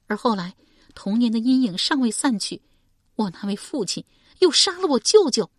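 A woman's voice: fairly high pitch, very animated, moderate pace, no room sound, clean studio sound, pitched above the performer's own voice. A woman voicing a grieving, vengeful young noblewoman in an audiobook, tearful and anguished.

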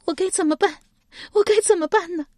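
A woman's voice: high-pitched, sing-song, a little fast, dry recording, clean studio sound, voice pushed up. A woman voicing a proud, hot-tempered young woman who snaps sharply at people. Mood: sobbing. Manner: sharp and scolding.

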